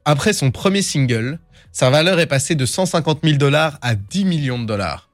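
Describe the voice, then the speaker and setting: A man's voice: fairly high pitch, expressive, brisk, faint music behind. Playful young man hosting a podcast. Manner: playful, teasing, laughs often. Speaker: host of a rap news podcast. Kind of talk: lively hosted podcast banter.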